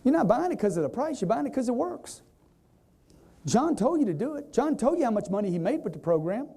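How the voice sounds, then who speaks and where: A man giving an energetic live sales seminar, quizzing the audience and acting out customers in quoted voices. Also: very high voice, fairly quick, husky. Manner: energetic, repetitive, keeps quizzing the crowd. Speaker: sales trainer.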